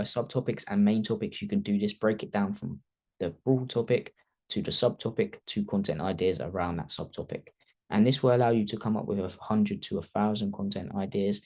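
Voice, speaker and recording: A man's voice: fairly low pitch, darkish tone. A man teaching a casual personal branding masterclass, talking off the top of his head and tagging sentences with "okay?". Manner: conversational, keeps tagging "okay?", thinks aloud off the cuff. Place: video call.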